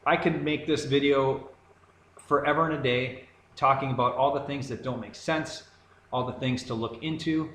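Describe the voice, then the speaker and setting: A man delivering a heated, rambling monologue to camera, sarcastic and insistent. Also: mid-range voice. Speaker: video commentator. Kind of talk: ranting monologue. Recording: echoey room with faint background noise.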